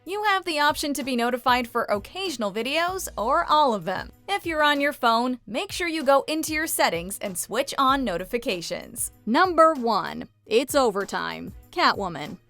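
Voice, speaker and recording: Woman doing scripted top ten narration, highish animated voice, bit of music under it. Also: moderate pace, few pauses. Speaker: countdown video narrator. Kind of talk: scripted pop-culture narration.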